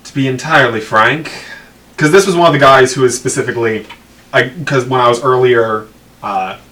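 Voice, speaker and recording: A man's voice: medium pitch, moderate pace, bright, forceful tone, recorded from a distance, poor audio. A man chatting casually as a player in a tabletop game. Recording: faint noise, off the microphone.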